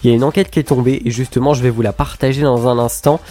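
A man's voice: medium pitch, fairly even intonation, rapid-fire, dark tone, soft background music. A man hosting a radio show in casual on-air chat, talking in a hesitant way with many fillers and restarts. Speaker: radio host. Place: radio studio.

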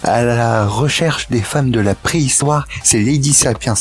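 A young man co-hosting an amateur radio show, reading TV listings haltingly with many fillers. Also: mid-range voice. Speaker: radio co-host.

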